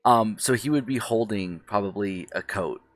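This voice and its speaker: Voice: low-pitched, moderate pace, dry recording, faint music behind. A player describing their character in a tabletop game, hesitant and laughing, with many fillers.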